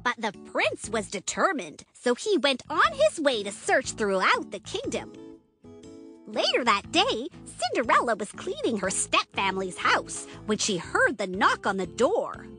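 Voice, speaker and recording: Bright, very animated woman storyteller. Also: fairly high pitch, measured pace, soft background music. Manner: animated, dramatic build-up. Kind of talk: scripted children's story narration.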